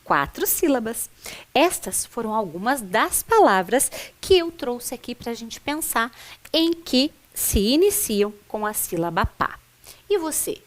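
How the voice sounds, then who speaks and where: A woman teacher taking a slow, patient pace as she breaks words into syllables for adult learners. Her somewhat high voice moves lively and expressively, and she keeps an encouraging tone throughout. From Brazil. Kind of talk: adult literacy video lesson.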